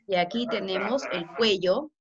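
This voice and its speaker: A woman English teacher with a Peruvian Spanish accent, giving an online class slowly and with a lot of repetition. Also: medium pitch, a crowd in the background. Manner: slow and repetitive, code-switching. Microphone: video call. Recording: muffled video call audio, faint noise.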